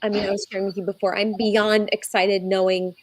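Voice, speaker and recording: A young adult woman, a guest in an interview, telling her own story earnestly and slowing down when she is moved. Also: mid-range voice, flat delivery, no echo, low-quality recording. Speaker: egg donor guest. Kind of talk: conversational interview.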